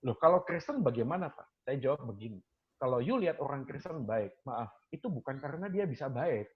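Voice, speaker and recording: Animated male lecturer telling stories, muffled. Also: on the high side. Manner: animated storyteller, acts out students' questions, mixes in English phrases. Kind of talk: casual talk sharing teaching stories.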